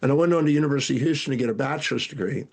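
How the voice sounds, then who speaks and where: An older man with a gravelly, husky voice, telling animated life stories as an interview guest. He talks in a lively way, restarts his sentences often, and keeps a mid-range pitch. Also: racing. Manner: animated storyteller, frequent restarts. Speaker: guest speaker and educator. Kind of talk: storytelling interview answers.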